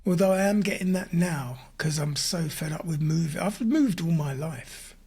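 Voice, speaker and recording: A man's voice: on the high side, expressive, normal speed, darkish tone, breathy edge. Blunt, sweary podcast co-host man. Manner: blunt, sarcastic, swears freely. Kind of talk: casual chat.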